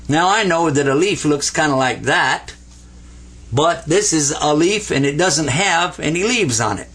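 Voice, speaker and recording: Lively older man teaching letters. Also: a little high, husky. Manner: lively, playful, coaxing learners to repeat sounds. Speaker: Arabic teacher. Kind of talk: classroom letter lesson at a board.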